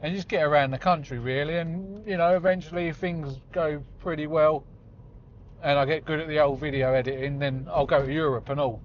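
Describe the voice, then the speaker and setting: A chatty vlogger in his forties talks casually while driving, rambling and poking fun at himself in a fairly high, brisk voice with fairly even intonation. The audio, recorded inside the car on the road, is slightly dull with faint road noise.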